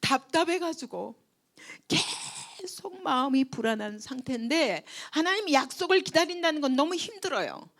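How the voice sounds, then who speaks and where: Animated woman pastor preaching a sermon. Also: high voice, moderate pace. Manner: expressive storytelling with frequent rhetorical questions to the congregation. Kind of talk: sermon at a church retreat.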